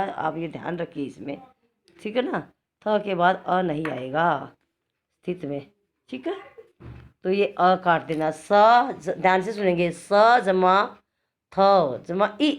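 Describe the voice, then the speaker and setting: A woman teaching young pupils in a patient, step-by-step way. She breaks each word into its parts slowly and keeps checking that the children follow. Her voice sits a little low. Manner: explains patiently, spells words out slowly sound by sound, checks in often. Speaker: primary school teacher. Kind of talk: online class lesson.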